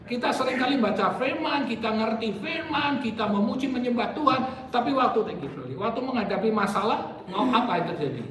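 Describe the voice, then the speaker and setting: A male pastor preaches with an animated delivery, teasing his congregation and acting out the people he quotes. His voice sits high and swings up and down in pitch. He sounds a little off-mic in a roomy church hall. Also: normal speed, distant mic, crowd noise. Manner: animated, jokes with the congregation, acts out quoted speakers. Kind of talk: sermon. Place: church sanctuary.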